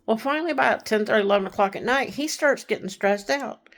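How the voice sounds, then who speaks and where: In a fairly high voice and at a quick pace, a Texas woman chattily retells a true crime case. She voices the people she quotes and sometimes drops down to a hush.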